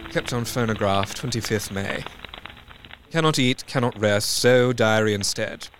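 A man's voice: medium pitch, fairly bright tone, clear, resonant tone, close to an everyday voice. An actor playing a despondent, clinical Victorian doctor who dictates his diary in a brooding, precise way, in an audio drama.

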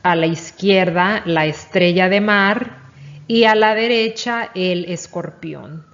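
A woman's voice: lowish voice, takes it slowly, fairly bright tone. A woman teaching young children their letters, speaking patiently and praising each answer. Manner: patient, encouraging, asks and praises. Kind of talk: children's reading lesson. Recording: dull lo-fi recording.

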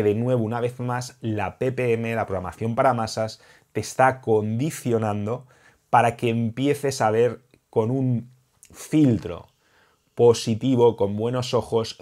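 A man's voice: medium pitch, darkish tone. A young man with a Spain Spanish accent, a dating coach talking straight to camera in an emphatic, heated and repetitive vlog monologue.

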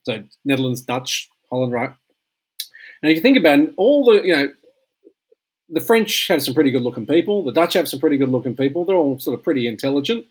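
A man's voice: fairly high pitch, lively intonation, fast, darkish tone, slightly rough, low-quality recording. A tired middle-aged Australian man in casual chat, rambling through anecdotes and laughing at his own jokes.

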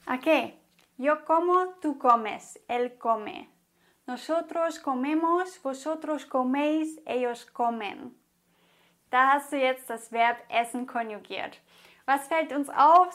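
A woman's voice: high voice, fairly bright tone. A woman teaching a grammar lesson in a patient, encouraging way, spelling things out and repeating. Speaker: language teacher.

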